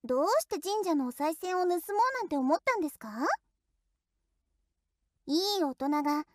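A woman's voice: extremely high pitch, expressive, normal speed, dry recording, studio quality. A woman voicing a teasing, playfully cruel young female shrine maiden in an audio role-play drama, speaking politely in a sing-song tone.

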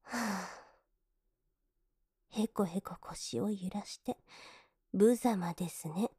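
A young woman playing a cold, scornful maid in an adult audio drama, politely contemptuous and mocking, sometimes dropping into soft whispers to sneer. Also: mid-range voice, slow, breathy edge, dry recording, clean studio sound. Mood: disgusted sneer.

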